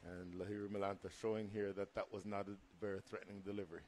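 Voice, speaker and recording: A man's voice: on the low side, little pitch movement, racing, darkish tone, slight background noise. A man giving live cricket commentary and analysis, explaining the play in a conversational way.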